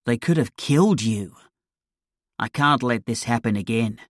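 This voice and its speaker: Reader doing Nick, a steady father. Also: medium pitch, a little slow, dry recording, studio quality. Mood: calm, firm. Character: calm, protective father and restaurant owner.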